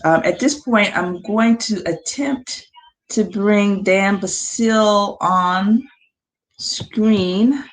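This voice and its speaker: A woman's voice: mid-range voice, very slow, low-quality recording. A woman on a video call hosting an informal webinar, speaking in a patient, encouraging and somewhat hesitant way. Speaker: host of an online webinar. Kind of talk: informal live webinar hosting, talking a guest through screen sharing.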